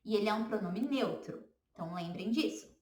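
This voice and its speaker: A woman's voice: medium pitch, lively intonation, a little fast, darkish tone. A woman with a Brazilian Portuguese accent teaching a beginner English lesson, patiently repeating words for learners to echo.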